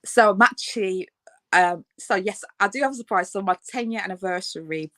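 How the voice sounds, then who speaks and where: A woman's voice: mid-range voice, a little fast, sharp tone, dry recording. A woman in her late thirties from the United Kingdom, a fashion designer chatting casually in an interview, with many fillers and frequent laughs. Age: 30s.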